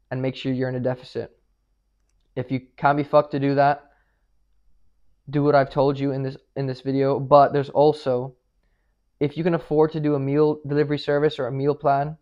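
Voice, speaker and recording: A young man talks straight into a shaky handheld camera, handing out gym advice in a blunt, swearing, no-nonsense way. His voice stays flat and even, full of fillers and quick restarts. The audio is dull and lo-fi. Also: mid-range voice. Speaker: fitness vlogger. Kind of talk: casual advice vlog.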